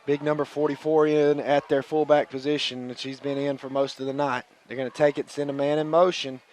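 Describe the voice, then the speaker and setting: A man doing play-by-play for a local radio football broadcast from the press box booth, talking nervously and excitably, coughing now and then. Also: a little high, brisk, slight background noise.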